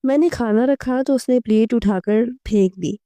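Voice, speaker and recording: A woman narrating a romantic audio novel in the first person, in a steady, even storytelling manner. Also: a little high, smooth, dry recording.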